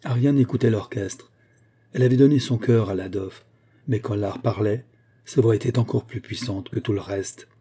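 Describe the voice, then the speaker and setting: A man narrating an audiobook in a measured, deliberate way. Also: on the low side, warm tone, breathy edge.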